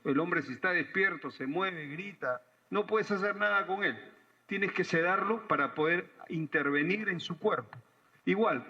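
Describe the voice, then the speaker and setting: A man, a government minister giving a measured, explanatory press briefing with hesitant fillers, recorded in a reverberant room with slightly dull sound. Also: on the high side, bright, forceful tone.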